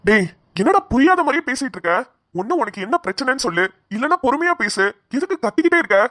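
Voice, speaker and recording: A woman voicing a patient, bewildered middle-aged father in a cartoon, trying to calm a friend. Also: high voice, fast, dry recording, studio quality, full character voice. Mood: puzzled. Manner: puzzled, placating. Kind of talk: cartoon voice acting.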